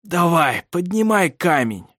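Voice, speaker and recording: A cold, menacing man, as a male narrator puts him on, barking curt commands in a lifeless, monotone, hoarse rasp. It is an audiobook character voice. The sound is dry and close. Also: fairly high pitch, measured pace, dry recording, pitched above the performer's own voice.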